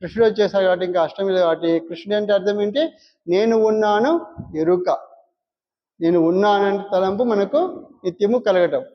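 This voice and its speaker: A man with a Rayalaseema Telugu accent leads a devotional discourse, keeping his voice high as he puts question after question to his listeners and answers each one himself. The recording sounds muffled and dull, with a long reverb trailing behind every line. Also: fairly quick. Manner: asks the audience questions and answers them himself. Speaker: spiritual teacher. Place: prayer hall.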